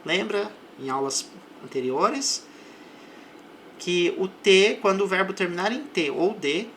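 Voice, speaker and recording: Brazilian male English teacher, unhurried lesson voice that slows further on example phrases, faint background hiss. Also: sits high, animated, fairly bright tone. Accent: Brazilian Portuguese. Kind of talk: slow explanatory language lesson.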